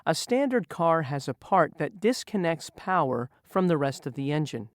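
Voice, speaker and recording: In a vocabulary lesson, the quiz reviewer patiently asks learners scripted questions about word meanings, in a teacherly style meant to be slow. The medium-pitched voice is very animated at normal speed, with studio-quality sound and no echo.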